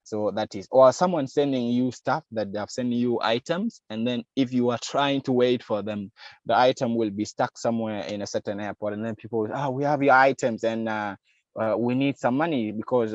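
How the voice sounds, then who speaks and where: A man delivers a video-call class on digital security in a voice of ordinary pitch. He explains at length, fills pauses with "uh," and briefly plays the scammer's lines. The sound is dull and lo-fi, dry, with little room around it. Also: no echo. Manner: explanatory, acts out scammer lines, frequent fillers. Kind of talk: online masterclass lecture.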